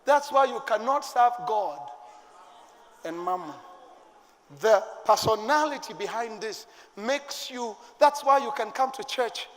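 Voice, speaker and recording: A middle-aged man with a Kenyan accent, preaching a sermon to his church with fervour and sudden shouted bursts. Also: very high-pitched, a little slow. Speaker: pastor. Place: church sanctuary. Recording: long church-hall reverb.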